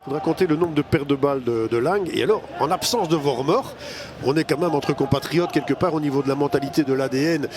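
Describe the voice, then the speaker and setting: Man, chatty live match commentary, raised pitch, clear background noise. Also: fast. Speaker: football commentator. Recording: noisy stadium ambience.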